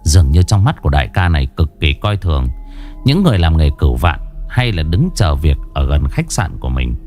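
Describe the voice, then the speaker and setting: A man narrates a horror story with a lively, expressive voice. His pitch moves a lot. Faint music plays under him.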